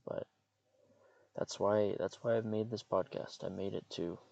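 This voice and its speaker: A young adult man hosting a solo podcast from a parked car, rambling and hesitant with many fillers, speaking in a monotone. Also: fairly low pitch, measured pace, gravelly, muffled recording. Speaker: podcast host. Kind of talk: casual solo podcast monologue. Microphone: computer mic.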